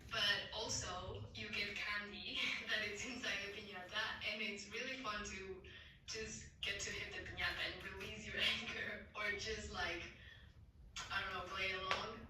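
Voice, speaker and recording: A woman from Mexico in a voice message played back on a device, chatty and relaxed, laughing now and then between phrases. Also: mid-range voice, normal speed. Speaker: friend sending in a voice message. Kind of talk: casual recorded message. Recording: very echoey, distant, clear background noise.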